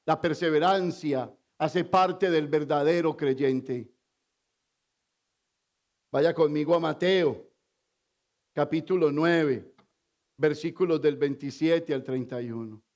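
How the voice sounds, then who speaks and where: A man's voice: on the high side, takes it slowly, long pauses, a little mellow. A male pastor preaching a sermon with emphasis, asking the congregation questions as he goes.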